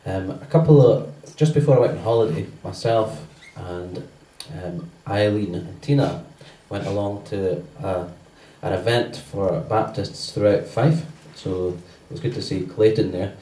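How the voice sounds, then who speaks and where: A man's voice: on the low side, measured pace, few pauses, mellow. A man giving the church notices in a loose, conversational way with many ums. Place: church hall. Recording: roomy church sound from a distance.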